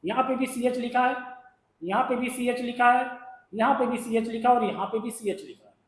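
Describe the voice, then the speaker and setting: A man's voice: extremely high pitch, a little fast, roomy sound, poor audio. A man from India teaching shorthand in a patient lesson, repeating sounds and asking his students questions. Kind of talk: classroom-style lesson explaining strokes.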